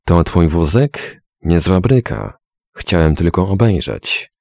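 A man voicing a frightened, brash adult male car thief who blusters in rough slang. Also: deep voice, lively intonation, takes it slowly, darkish tone, no echo, studio quality, full character voice. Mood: nervous.

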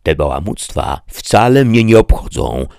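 A man voicing a gruff, stingy innkeeper who talks bluntly. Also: sits low, big pitch swings, unhurried, a little mellow, no echo, clean studio sound, voice pushed up, exaggerated voice. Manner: blunt, curt.

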